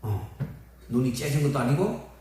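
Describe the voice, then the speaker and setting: A man's voice: mid-range voice, very animated, moderate pace, mellow, slight background noise. An older man preaching as a pastor, telling a folksy story and briefly acting out the people in it. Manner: folksy, acts out quoted people. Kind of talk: storytelling sermon. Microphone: phone camera at a distance. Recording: echoey hall, phone from far off.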